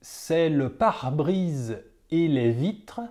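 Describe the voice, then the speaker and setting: Very slow, deliberate dictation reader. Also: mid-range voice, animated, darkish tone. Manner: slow, deliberate phrasing, repeats each phrase and announces punctuation. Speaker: dictation teacher. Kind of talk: reading a dictation aloud.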